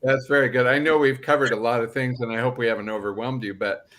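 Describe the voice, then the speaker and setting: A man's voice: mid-range voice, steady tone, quick pace, a bit bright, slight background noise. An older man co-hosting a real estate podcast, talking earnestly and casually with a Pacific Northwest American accent. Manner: earnest, agreeable, short affirmations. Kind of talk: casual chat.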